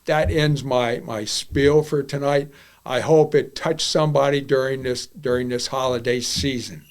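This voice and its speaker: A medium-pitched, steady voice belongs to a podcast host in his seventies who speaks a little slowly. His casual monologue is blunt and candid, and he frequently repeats himself.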